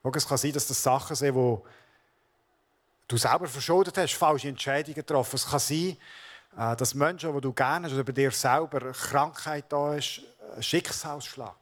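Pastor, male, mid-pitched voice; earnest sermon aimed straight at the congregation. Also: moderate pace. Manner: earnest, addresses listeners directly as du.

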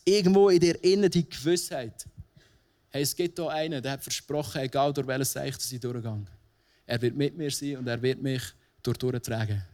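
A man with a Swiss German accent preaching a sermon in a casual, conversational way, often asking the listener questions. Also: medium pitch. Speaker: pastor.

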